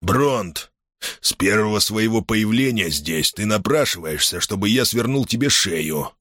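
A man voicing a stern, commanding alien pirate leader who speaks harshly and forcefully in an audiobook. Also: lowish voice, expressive, a little slow, no room sound, clean studio sound, pitched above the performer's own voice.

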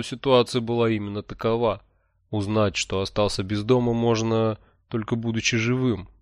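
A man reading a first-person audiobook narration in a measured, wry, even way. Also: fairly low pitch, no echo, clean studio sound.

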